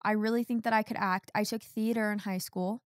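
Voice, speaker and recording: A woman's voice: mid-range voice, fairly even intonation, brisk, no echo. Young woman podcast cohost, casual rambly chat, mid voice, dry mic. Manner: chatty, frequent fillers. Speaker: podcast co-host.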